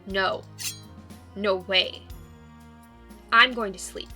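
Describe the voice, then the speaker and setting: A woman acts out a bitter, sardonic young woman loner in a visual novel game. She drops her pitch and complains in a sullen, dry way, with music behind her. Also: steady tone, drawn-out words, pushed and bright, exaggerated voice. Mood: irritable.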